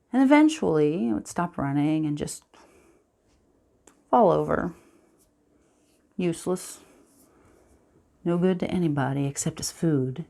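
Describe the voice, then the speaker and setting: A woman with a lowish voice performs a dramatic film monologue as a somber storyteller looking back on her childhood. She speaks in a hushed, halting, deliberate way, and the mood is tense and grim.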